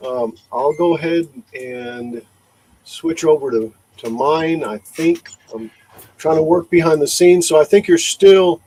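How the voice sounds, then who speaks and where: Halting high-voiced man hosting a stream. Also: dark tone, rough recording. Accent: Chicago. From Chicago. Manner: halting, repeats words, laughs often. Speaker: livestream host. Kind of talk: casual livestream chat.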